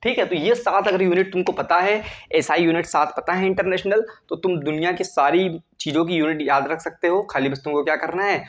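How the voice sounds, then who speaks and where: A man's voice: high-pitched, fairly quick, hardly any pauses. A male chemistry teacher lecturing students in speech, often asking a question and answering it himself. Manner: asks and answers his own questions. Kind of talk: classroom lecture.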